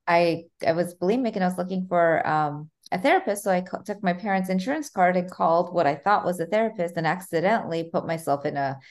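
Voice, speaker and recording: Woman, podcast host, low voice, enthusiastic interviewer. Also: quick pace, few pauses, a little mellow. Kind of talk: scripted intro, then interview chat.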